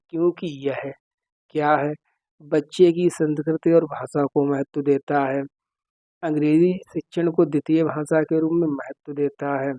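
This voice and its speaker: A man's voice: a little high, a little mellow, dry recording. Man teaching an exam-prep lesson. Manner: explains step by step, often checking with "ठीक है". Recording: dry, slightly dull recording.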